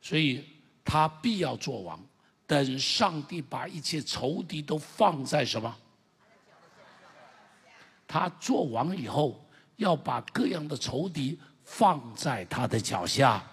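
A man with a fairly high, husky, breathy voice preaches a sermon in a church. His delivery is emphatic and builds to loud, shouted declarations. The sound carries a long reverb from a large hall. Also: very animated, slow pace. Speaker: pastor. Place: church sanctuary.

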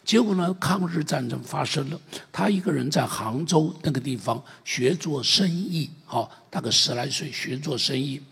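A man preaching a sermon, retelling a story with many repeats and swings from loud to hushed, in a very husky, gravelly voice. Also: fairly high pitch, animated, moderate pace, few pauses. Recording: long hall reverb.

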